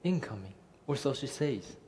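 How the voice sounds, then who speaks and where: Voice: medium pitch, lively intonation, moderate pace, dark tone, natural voice. A student actor takes on a proud, imperious older mother grieving her son, all dry grandeur. The voice sits in a mid register and rings out through a long hall reverb, with faint noise under it. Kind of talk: live student theater acting. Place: university theater stage.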